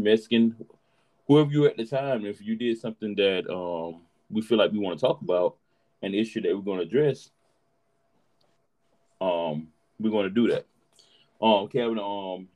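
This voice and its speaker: A man hosts a casual podcast in a laid-back way. His voice sits fairly low, and he fills his talk with "you know what I'm saying". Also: normal speed, mellow, rough recording. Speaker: podcast host.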